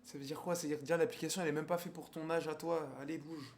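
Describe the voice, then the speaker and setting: A man's voice: fairly high pitch, level tone, rapid-fire. A man, chatting crudely on a live stream and teasing strangers on video calls. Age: 20s. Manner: crude, slangy, teasing, swears often.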